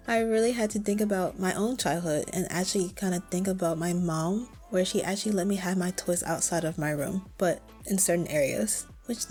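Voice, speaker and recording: A woman's voice: mid-range voice, dark tone. A young woman giving a chatty, candid voice-over about her game build, often laughing. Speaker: Sims build creator.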